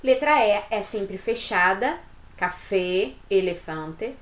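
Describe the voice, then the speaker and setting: A woman's voice: mid-range voice, animated, slow pace, echoey room. A woman giving an online language lesson, explaining patiently and often checking understanding with short tag questions. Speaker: Spanish teacher.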